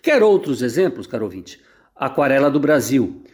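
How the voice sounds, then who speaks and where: With a mid-range, sing-song voice that is a little mellow, this Brazilian Portuguese-accented conductor responds to listener questions on the radio at a moderate pace. He teaches patiently and now and then sings brief melodic examples.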